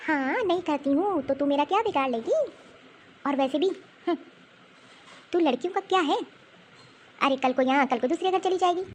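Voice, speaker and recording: A woman voicing a sharp-tongued, scornful older grandmother in a cartoon who taunts her granddaughters. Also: high-pitched, expressive, moderate pace, pauses often, slight background noise. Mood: scolding. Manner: scolding, taunting. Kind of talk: cartoon voice acting.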